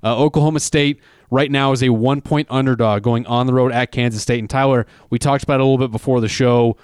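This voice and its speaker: A male co-host chats casually about college football picks and moves the show between games. His voice comes through smooth and clear, with a dry, close sound. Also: medium pitch, steady tone, quick pace, darkish tone, dry recording. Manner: conversational, leads segments. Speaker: sports betting show co-host. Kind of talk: casual sports chat.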